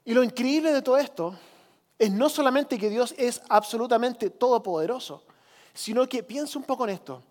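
A man's voice: extremely high pitch, a little mellow, in a large hall. A man preaching a sermon as pastor, earnest and urging, acting out the voices in the stories he tells.

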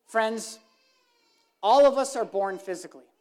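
A woman preaching an evangelistic sermon, earnest, swinging from emphatic lines to hushed, soft ones. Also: a little high, a little slow.

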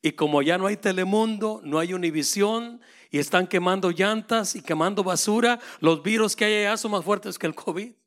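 A man preaching a sermon with passion, swinging between loud proclaiming and hushed, intimate asides. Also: sits high, normal speed, hardly any pauses.

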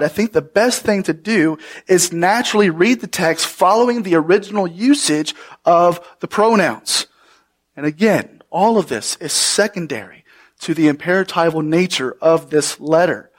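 High-voiced guy preaching, earnest, keeps asking the congregation stuff. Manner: earnest, emphatic preaching with rhetorical questions to the congregation. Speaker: pastor. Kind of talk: sermon.

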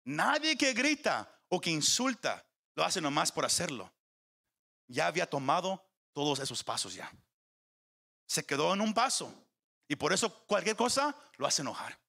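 A man's voice: a little high, big pitch swings, normal speed, creaky, pushed and bright. A man preaching a sermon to his congregation, climbing in emphasis, often stumbling over repeated words and putting questions to the listeners. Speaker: pastor.

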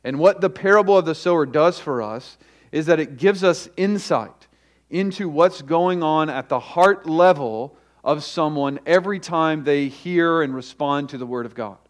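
A pastor preaching in a church sanctuary at a pulpit microphone. He speaks deliberately and slows down to stress repeated phrases. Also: a little high. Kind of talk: sermon with opening prayer. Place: church sanctuary during a service.

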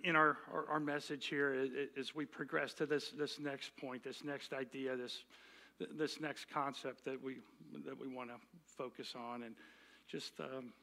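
A man's voice: mid-range voice, flat delivery, gravelly, bright, forceful tone. A middle-aged male pastor giving a sermon on parenting, often restarting and repeating words. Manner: halting, repeats words while speaking.

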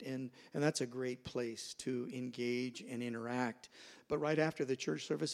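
Gravelly-voiced pastor preaching a sermon. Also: male voice, mid-range voice, darkish tone. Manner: storytelling, acts out quoted voices. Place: church sanctuary.

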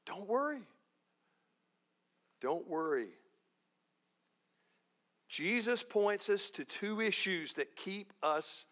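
A man's voice: fairly high pitch, a bit bright. A male pastor preaching a sermon in a folksy, joking way, repeating key phrases for emphasis. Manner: folksy, jokey, emphatic repetition.

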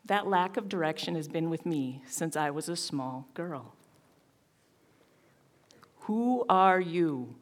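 A woman's voice: sits low, normal speed, few pauses. Wry woman performing a monologue. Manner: wry, self-deprecating. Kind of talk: performed spoken-word monologue.

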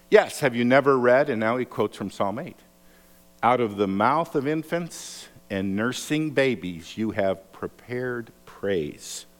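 A man preaching a sermon, telling stories with lively acted-out quotes. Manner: animated storytelling, acts out quotes with raised pitch. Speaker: pastor. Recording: long hall reverb.

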